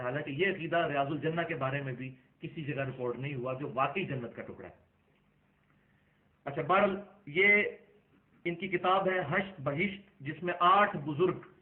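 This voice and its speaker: Guy giving a religious lecture, argues hard, tinny lo-fi sound. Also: a little high. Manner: argumentative, rising to emphatic outbursts. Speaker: Islamic lecturer.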